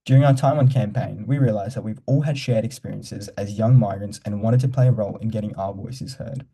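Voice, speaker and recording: A young man welcomes an online audience in a brisk, formal scripted read. His voice is dark and mellow, set a little low, and he moves through it quickly. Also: steady tone, slightly rough. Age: young adult. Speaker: event host. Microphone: online video call.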